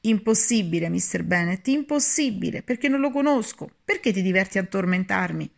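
Woman voicing a shrill fretful mother. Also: a little fast, vocal fry. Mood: peevish. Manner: complaining, excitable. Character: fretful nervous middle-aged mother, shrill.

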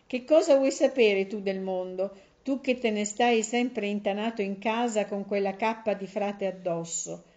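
A woman's voice: mid-range voice, unhurried, hardly any pauses, a little mellow, natural voice. A woman voicing a sly, greedy tomcat. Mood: smug. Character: sly boastful male tomcat, greedy trickster. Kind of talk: storybook reading. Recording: slightly dull lo-fi recording.

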